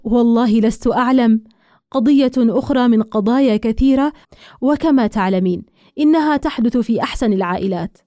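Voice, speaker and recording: A woman voicing a sly young man who speaks softly and knowingly. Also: fairly high pitch, a little fast, no room sound, studio quality, natural voice. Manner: soft, knowing, chuckling.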